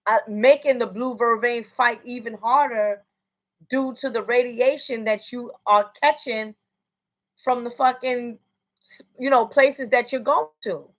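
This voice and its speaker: An American woman working as a psychic medium delivers a rambling, casual reading on a livestream, peppering it with "you know what I'm saying." Her voice sits on the high side with a fairly bright tone, heard through lo-fi sound.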